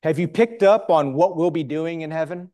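A man preaching a sermon in short emphatic phrases, pausing for a live interpreter, with rhetorical questions. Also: a little high, warm tone.

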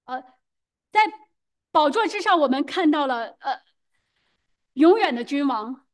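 High-voiced woman interpreting a sermon. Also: lively intonation. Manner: quick, hesitant, frequent fillers and self-corrections.

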